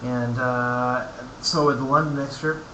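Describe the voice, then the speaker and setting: A man talks through a casual product review in an echoey room with clear background noise. His voice sits at a middling pitch. He speaks haltingly and thoughtfully, pausing between short phrases as he works out what to say. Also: steady tone. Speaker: pipe tobacco reviewer.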